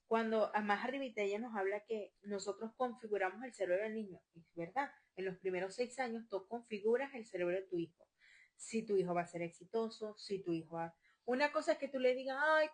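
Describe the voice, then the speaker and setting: A woman's voice: medium pitch, brisk. A woman giving a live talk on parenting, speaking emphatically and repeating her questions.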